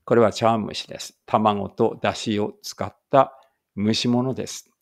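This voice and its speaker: A man teaching an English read-aloud lesson, reading Japanese lines and then slow, careful English, sometimes stopping to check pronunciation. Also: on the low side, fairly even intonation, vocal fry, dry recording, studio quality.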